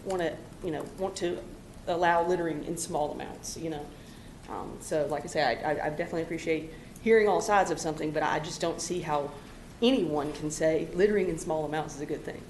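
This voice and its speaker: Woman at the podium: low pitch, earnest, halting delivery, roomy chamber recording. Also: darkish tone. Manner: earnest, halting, many "you know" fillers. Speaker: public commenter at a city council meeting. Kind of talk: public comment speech. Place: city council chamber. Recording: echoey council chamber recording, faint hum.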